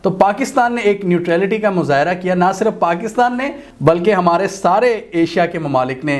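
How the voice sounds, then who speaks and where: A man's voice: high voice, lively intonation, a little fast. A man giving an unscripted, opinionated commentary on world affairs, speaking conversationally and restarting his sentences often.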